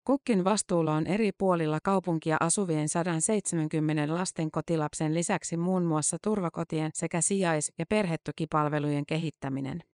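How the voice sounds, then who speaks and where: Reading a long-form news piece from a script, a narrator keeps an even, measured tone through dates and figures. The voice is mid-range and the sound is clean studio audio with no echo.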